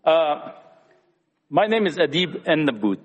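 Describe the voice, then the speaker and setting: Guy telling his church testimony, fairly high voice, talks a lot, echoey hall. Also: sing-song, unhurried, highs cut off. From Lebanon. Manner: talkative storyteller, earnest, addresses young people. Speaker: church member sharing testimony. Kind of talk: personal testimony talk. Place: church gathering.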